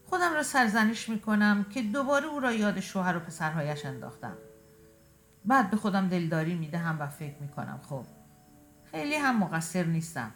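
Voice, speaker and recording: Quiet reflective woman narrating a story, low-ish voice, soft music behind. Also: expressive. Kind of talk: reading a short story aloud.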